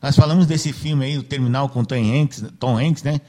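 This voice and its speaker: A man with a mellow, medium-pitched voice hosts a casual radio chat at an ordinary pace. He's chatty and full of fillers, tacking "né" onto almost every phrase to win the listener's agreement.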